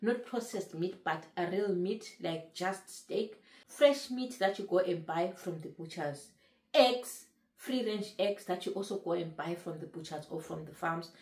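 A woman's voice: on the low side, a little mellow, echoey room. A woman in her late thirties talking casually to camera about her weight loss, earnest and repeating phrases for emphasis. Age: 30s. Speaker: vlogger sharing her weight-loss journey.

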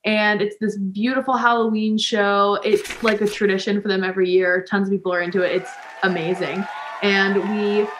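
A woman's voice: mid-range voice, flat delivery, moderate pace, reverberant, a little hiss or hum. A woman in her twenties, a professional dancer, chatting casually as a guest over a video call from a living room. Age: 20s. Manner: chatty, laughs while talking. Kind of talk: casual interview chat. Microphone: video call webcam.

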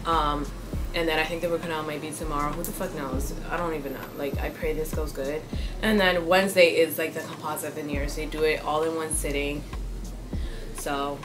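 A woman's voice: sits low, steady tone, a little fast, rough recording. Blunt, swearing woman vlogger over music. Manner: blunt, swears freely, chatty with many fillers. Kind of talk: casual talk to camera. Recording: music playing behind the voice.

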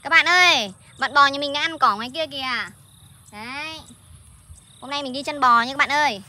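A woman hosting a playful vlog outdoors in a farm field, chatty and excited, often calling out to her viewers. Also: high voice, moderate pace. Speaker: vlog host. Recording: noisy outdoor recording.

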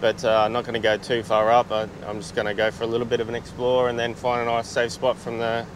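A man's voice: medium pitch, completely flat delivery, fast, background noise. Laid-back Australian man vlogging outdoors. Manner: chatty, laid-back, with many fillers and restarts. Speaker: travel vlogger. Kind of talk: casual vlog narration. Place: outdoors on a beach. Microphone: small camera-mounted mic.

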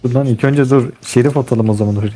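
A man's voice: mid-range voice, fairly even intonation, fast, warm tone, breathy edge. A young man talking casually and in slang with friends during an online game. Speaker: gamer.

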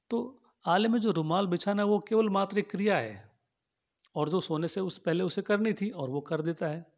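A man with a fairly high voice lectures on logic in a measured, patient way. He circles back over each idea, rephrasing it and grounding it in plain everyday examples. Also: gravelly. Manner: explains slowly, repeats and rephrases each point with simple examples. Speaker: philosophy teacher.

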